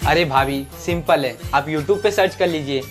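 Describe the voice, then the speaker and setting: A woman playing a flattering young brother-in-law who asks his sister-in-law to cook for his friends. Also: low-pitched, moderate pace, lightly acted. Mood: coaxing. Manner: coaxing and flattering. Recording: music playing behind.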